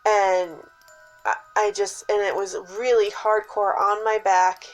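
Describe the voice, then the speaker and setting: A woman casually telling a personal scary story in a suspenseful, dramatic way, with hushed dips and emphatic stresses. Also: medium pitch, level tone, measured pace, soft background music, rough recording.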